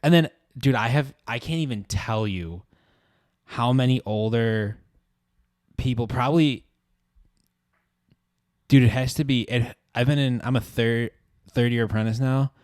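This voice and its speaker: A young man in casual podcast banter, loose and slangy, full of "like" and "dude". His voice sits at an ordinary male pitch. The sound is dry and close to the mic. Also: measured pace, pauses often, a little mellow, no room sound. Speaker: podcast co-host. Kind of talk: casual chat.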